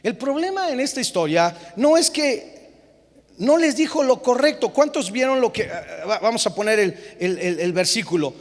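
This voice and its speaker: A man preaching a lively sermon as pastor, acting out parents and children in quick, changing voices. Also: very high-pitched, in a large hall. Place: church.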